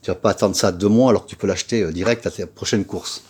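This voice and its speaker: A man's voice: low-pitched, fast talker, a little mellow, breathy edge. A man from France giving a casual how-to tutorial, chatty, blunt and slangy, talking straight to the viewer with lots of filler tags. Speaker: scooter repair vlogger.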